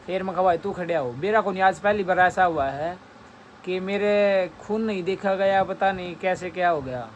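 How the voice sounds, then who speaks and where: A man's voice: sits high, normal speed, slight background noise. A young man with a Haryanvi accent, chatting casually to viewers and family at home in a vlog. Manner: chatty, storytelling, addresses viewers as brother. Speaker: vlogger.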